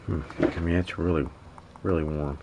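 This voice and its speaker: There's a noisy background as this man narrates hands-on radio repair at an indoor workbench, thinking aloud in a casual, hesitant, halting way. His low voice is creaky and holds a steady tone.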